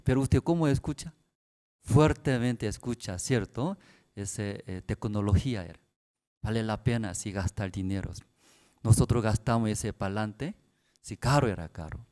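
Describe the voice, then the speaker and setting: Slow, soft-spoken pastor with low voice. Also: male voice. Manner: simple broken Spanish with many tag questions; speaks softly and slowly to the congregation. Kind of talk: sermon at a prayer service.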